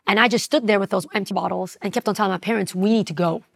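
A woman in her forties from Iran, recounting her life story in a reflective, unhurried way. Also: medium pitch, fairly even intonation, creaky. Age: 40s. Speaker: interview guest. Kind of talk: personal storytelling.

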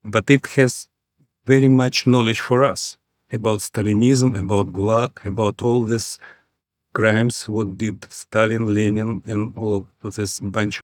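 A man with a Ukrainian accent telling about his youth in an interview, deliberate and plain. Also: fairly low pitch, steady tone, dry recording. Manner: deliberate, plain, occasional fillers. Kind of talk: interview storytelling.

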